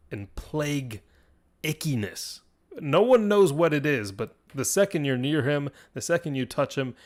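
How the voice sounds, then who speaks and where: A man hosting a livestream who improvises a dramatic fantasy battle story, building suspense and breaking off for casual asides. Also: mid-range voice. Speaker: livestream host.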